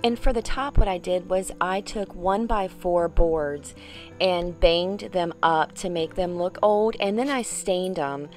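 A woman's voice: lowish voice, unhurried, soft background music. A middle-aged woman hosting a home decor vlog, explaining a room makeover in a chatty way. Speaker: home decor vlogger, host. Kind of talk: room makeover tour presentation. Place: bedroom, indoors, for the on-camera part.

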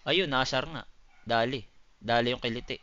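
A man's voice: mid-range voice, moderate pace, pushed and bright, no echo, dull audio. A man chatting loosely with his live-stream viewers, swearing often and calling them buddy. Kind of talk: casual live-stream chat answering viewers.

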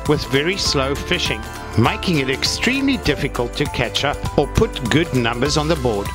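Man narrating a shore angling contest, lively pitch, music playing underneath. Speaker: narrator of a fishing competition video. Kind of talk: scripted narration. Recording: voice-over with loud music behind.

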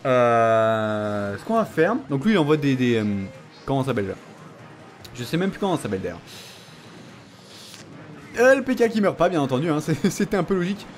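A young man giving casual gameplay commentary, excitable and playfully trash-talking, laughing often. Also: medium pitch, a little fast, pauses often, faint music behind. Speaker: gaming channel host.

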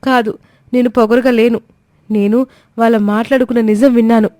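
A woman's voice: a little high, fairly even intonation, fairly quick, mellow, no room sound, natural voice. A woman voicing a wronged young daughter-in-law who speaks in a pleading, distressed way.

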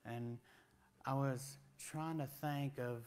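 A man's voice: medium pitch, steady tone, takes it slowly, a little mellow, smooth. A man, preaching a sermon in a folksy, conversational way with rising emphatic questions, in a church sanctuary on a lapel mic. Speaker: guest preacher.

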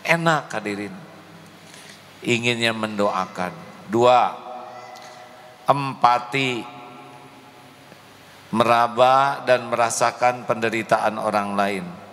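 A male preacher delivers a mosque sermon in a large indoor hall, speaking slowly, deliberately, and emotively to the congregation. His voice is medium-pitched and fairly bright, captured on a handheld microphone with echo and faint ambience.

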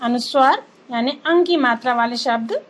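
A woman teacher giving an online grammar lesson to children, slowly listing examples word by word. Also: high-pitched, poor audio. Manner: slow, clear, listing examples one by one.

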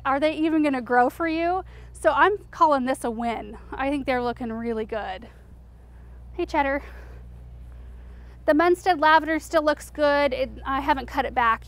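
A woman in her thirties with a light, high voice leads an unscripted walk through her backyard garden. She chats warmly and loosely, stopping for plenty of "um" and "like". She sounds close on a clip-on mic out in the open air. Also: normal speed. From Eastern Oregon, US. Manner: chatty, enthusiastic, lots of fillers like "um" and "like". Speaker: garden show host. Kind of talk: casual garden tour walkthrough. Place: outdoor home garden.

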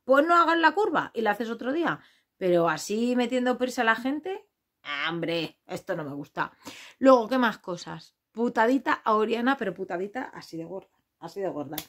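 A woman from Spain talks casually about a reality show in a blunt, outspoken way. She swears freely and quickly slips into mimicking the people she talks about. Her voice sits at an ordinary middle pitch for a woman. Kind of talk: casual gossip commentary.

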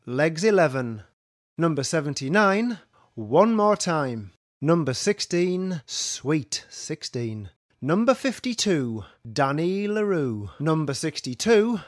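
A man's voice: a little high, no room sound, studio quality. A man calling bingo numbers, each one followed by its traditional rhyme in a sing-song manner. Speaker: bingo caller.

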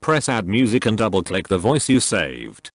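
Lively low synthetic male narrator. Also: moderate pace, no echo, clean studio sound. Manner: text-to-speech voice reading a script. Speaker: tutorial narrator. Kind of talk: scripted tutorial narration.

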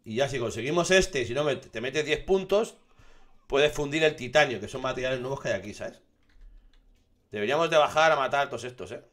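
A young man from giving casual, excitable commentary over his survival gameplay, swearing and shouting when something startles him. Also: medium pitch, fairly quick. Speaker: gaming streamer.

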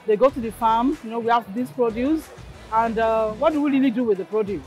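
Middle-aged Nigerian-accented woman dean, outdoor interview, steady and hesitant, light music underneath. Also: fairly high pitch, dull audio. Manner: measured, with frequent fillers. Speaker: faculty dean. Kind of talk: on-camera interview. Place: outdoor market on campus.

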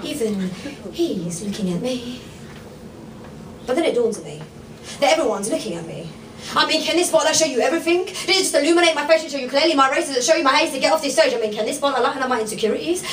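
A young woman from England performing a spoken word poem on a small bar stage, rhythmic and rhyming with dramatic pauses. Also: high voice, a bit bright, a little hiss or hum. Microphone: stand mic on stage, recorded from the room. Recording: echoey bar room from far off.

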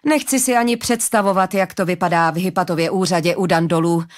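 A woman reading an audiobook, voicing a brash, blustering male scriver chief who curses loudly. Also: fairly low pitch, steady tone, lightly acted. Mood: chatty. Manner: loud, coarse cursing.

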